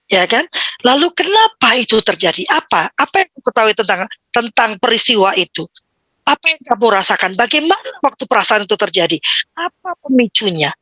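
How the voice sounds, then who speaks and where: A woman in her fifties giving an informal talk on parenting, lively and acting out the voices of children and parents. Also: a little high, dry recording. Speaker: parenting speaker.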